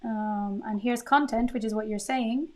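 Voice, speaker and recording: Woman, live-coding host, casual chat, thinking aloud, slightly high voice. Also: measured pace. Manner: thinking aloud, lively, chatty, with frequent fillers and restarts.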